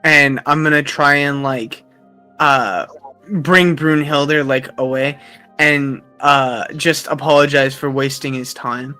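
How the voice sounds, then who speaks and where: A man's voice: medium pitch, steady tone, slow, pushed and bright, clear, resonant tone, soft background music. A man playing a tabletop game, casually and tentatively thinking aloud about what his character does. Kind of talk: casual role-play chat, describing his character's actions.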